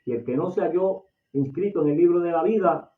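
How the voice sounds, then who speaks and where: A Puerto Rican man preaching an impassioned sermon in a fairly high voice. He repeats and restarts his phrases as he goes. The sound is thin and phone-like, caught from a distance in an echoey room. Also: fairly quick. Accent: Puerto Rican Spanish. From Puerto Rico.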